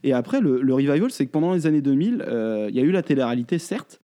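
A man's voice: mid-range voice, big pitch swings, fast talker, warm tone. A man co-hosting a casual chat, talking with many hesitations and restarts. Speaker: podcast co-host.

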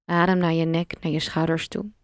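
A woman guiding a relaxation meditation, giving slow, calm, soft instructions with long pauses. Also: low-pitched, no echo, studio quality. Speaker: meditation guide.

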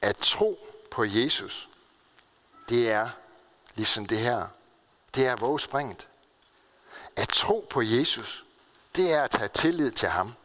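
A man's voice: animated, long pauses, fairly bright tone. A male pastor delivering a sermon, telling stories earnestly and stressing key words with big swings in his voice. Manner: earnest storytelling with emphatic pitch swings.

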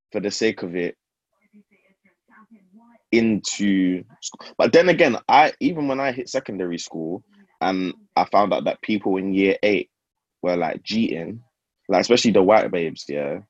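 A man's voice: sits low, animated, moderate pace, breathy edge, no echo, lo-fi sound. A young man in his twenties with a London roadman accent, chatting casually and telling stories in heavy street slang, often repeating his phrases. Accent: London roadman (multicultural London English). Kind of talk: casual group chat, storytelling in street slang.

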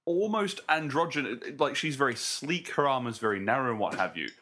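A man co-hosting a casual podcast panel about video games, talking in a playful, lively way. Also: mid-range voice, brisk. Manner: animated, playful, breaks into silly voices. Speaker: podcast co-host.

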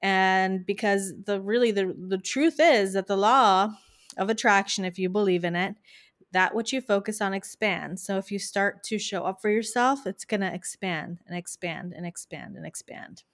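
A middle-aged woman, a business coach, talks through practical advice with animated energy and frequent restarts. Her voice is mid-pitched and recorded dry and close, with no room sound. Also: moderate pace, no echo. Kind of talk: podcast interview chat.

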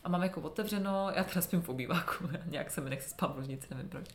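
A young woman with a lowish voice talks in a reflective, unhurried way and at times sinks to a quiet murmur. The room around her rings with echo. She co-hosts a casual chat. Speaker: podcast co-host. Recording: roomy echo.

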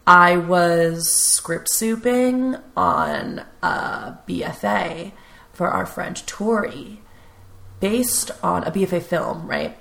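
Bright, gravelly-voiced woman host. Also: on the low side, sing-song, slow pace. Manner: rambling, laughing, self-deprecating. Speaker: podcast host. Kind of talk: casual storytelling chat.

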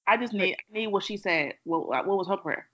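A woman's voice: medium pitch, animated, a little fast, sharp tone. A woman co-hosting a casual podcast in a laid-back, wry way. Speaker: podcast co-host. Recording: dull lo-fi audio.

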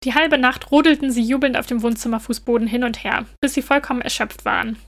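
A woman narrating a children's story in a gentle, even storytelling manner. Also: on the high side, fast talker.

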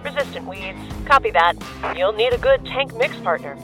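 A man playing a police dispatcher, giving brisk replies as a police radio transmission. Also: high voice, lively intonation, music in the background. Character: male police dispatcher answering a call.

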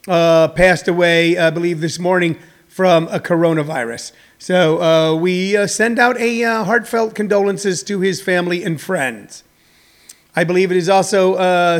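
High-pitched man, halting off-the-cuff show host. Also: a bit bright. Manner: halting, emphatic, with repeated phrases. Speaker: host of a daily live comedy talk show. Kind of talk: off-the-cuff topical monologue.

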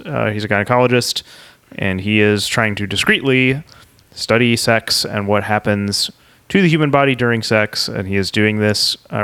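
Smooth-voiced man recapping a show. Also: fairly low pitch, a bit bright. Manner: laughs often, recaps plot. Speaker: podcast co-host. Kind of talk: casual chat.

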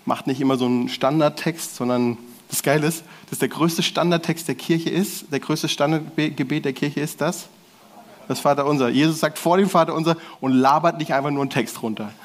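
A man delivers a casual sermon in a church hall, his voice sitting fairly high. He talks in relaxed slang, often restarting and correcting himself mid-sentence. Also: fairly quick. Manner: colloquial slangy preaching, restarts and self-corrections. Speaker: preacher.

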